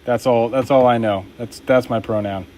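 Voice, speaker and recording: A man's voice: medium pitch, steady tone, moderate pace, darkish tone, slight background noise. A young man making knives and chatting casually with his live-stream viewers while he works, upbeat and laid-back. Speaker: knife maker live-streaming his work.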